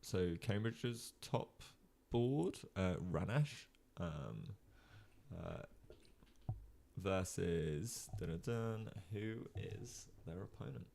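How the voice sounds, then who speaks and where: A young man talks through chess games for a live-stream audience in a casual, rambling way. His voice sits very low and carries a gravelly fry, and he leans on frequent ums and uhs while he thinks aloud and answers the chat. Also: animated, drawn-out words, mellow, a little hiss or hum. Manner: chatty, many ums and uhs, reads chat.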